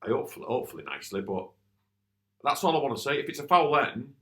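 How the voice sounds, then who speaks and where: A man's voice: medium pitch, sing-song, fast talker, a bit bright. A man, co-hosting a casual futsal club podcast, talking plainly with many restarts about refereeing frustrations. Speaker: futsal coach and podcast co-host.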